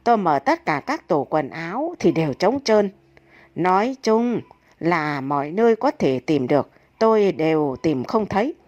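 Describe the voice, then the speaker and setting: A woman's voice: fairly low pitch, very animated, normal speed, darkish tone. A woman voicing an aggrieved dead wife who recounts her story dramatically.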